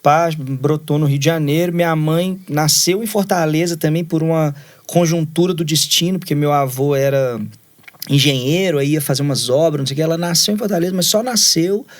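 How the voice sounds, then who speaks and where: A man's voice: on the high side, brisk. A Brazilian man in his thirties, a musician being interviewed, chatting casually and rambling through stories with constant little fillers. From Brazil, raised in Minas Gerais. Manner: rambling storyteller, fills every phrase with "né" and "assim". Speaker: musician guest.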